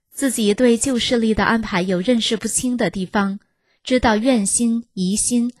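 A woman giving a steady, earnest, scripted first-person reading of a personal testimony. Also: mid-range voice, no echo. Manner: measured, earnest, steady delivery.

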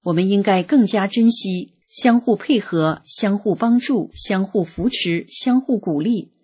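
Breathy woman reading a personal testimony. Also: medium pitch, unhurried, darkish tone. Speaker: reader of a personal experience article. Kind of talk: read-aloud first-person testimony.

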